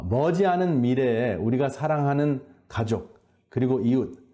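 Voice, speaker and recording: A man giving an earnest, measured faith-based health lecture, often pausing on hesitation sounds. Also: mid-range voice, mellow. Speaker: lecturer at a health boot camp.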